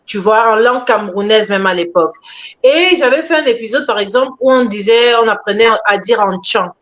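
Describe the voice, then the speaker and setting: A woman interviewed about her animation work, telling her story in an expressive, animated way. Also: fairly high pitch, a little fast. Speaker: animation creator being interviewed. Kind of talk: conversational interview answers. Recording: dull lo-fi sound.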